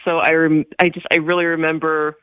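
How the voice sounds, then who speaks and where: A woman in her forties, a native Hebrew speaker, is a political candidate appearing as a guest in a radio phone interview. She speaks earnestly and a little fast in a low, flat voice, repeating phrases for emphasis. The audio comes over a phone line with no echo.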